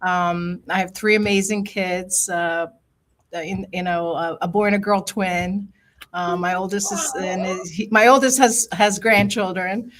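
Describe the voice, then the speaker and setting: A woman's voice: on the low side, fairly even intonation, measured pace. An older woman from Italy, a realtor, telling her family story in a rambling, personal way during a casual group chat. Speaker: realtor and app founder.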